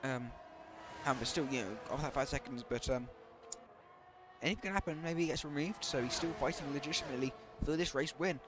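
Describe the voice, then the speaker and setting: A man's voice: a little high, fairly quick. A man doing live commentary on an online racing league, talking hesitantly with many fillers, saying he is losing his voice.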